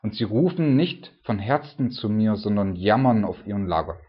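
A man's voice: lowish voice, expressive, moderate pace, slightly rough, muffled recording. A man preaching a conversational sermon, reading Bible verses and explaining them in an informal way with many fillers and tag questions.

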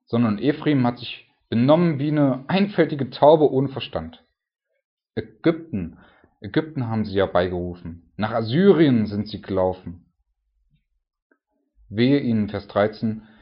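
A man's voice: medium pitch, a little slow, dull audio. A man preaching a conversational sermon, reading Bible verses and explaining them in an informal way with many fillers and tag questions.

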